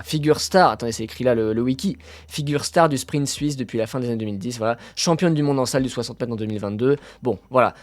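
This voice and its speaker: A man hosting a casual live stream about athletics, talking with his chat, full of fillers and sudden excited bursts. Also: medium pitch, dry recording.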